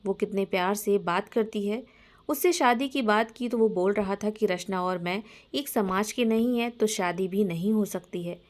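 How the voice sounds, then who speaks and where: A woman's voice: mid-range voice, lightly acted. A woman voicing a worried middle-aged mother explaining a family problem.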